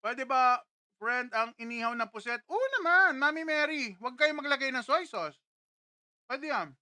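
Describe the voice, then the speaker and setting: A woman's voice: high-pitched, expressive, normal speed, sharp tone, no room sound. A woman hosting a casual live stream from a studio, greeting viewers one after another and tasting food on camera.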